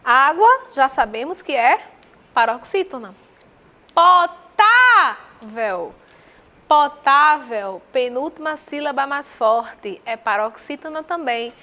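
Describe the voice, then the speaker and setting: A woman with a Brazilian accent teaching Portuguese, walking through exam answers with rhetorical questions and slow repetition of terms. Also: high voice, expressive, pushed and bright. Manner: didactic, asks the viewer rhetorical questions; spells out terms slowly and repeats them.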